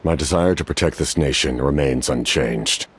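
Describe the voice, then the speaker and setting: A man voicing a stoic, solemn, centuries-old warrior captain in a game cutscene, speaking formally and gravely in measured phrases. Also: very deep voice, slight background noise. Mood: solemn, resolute. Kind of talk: dramatic video game cutscene dialogue.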